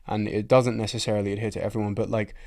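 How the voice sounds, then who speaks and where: A man's voice: on the low side, little pitch movement, racing, a little mellow. A man hosting a podcast, talking in casual chat, frank and reflective, swearing freely. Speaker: podcast host.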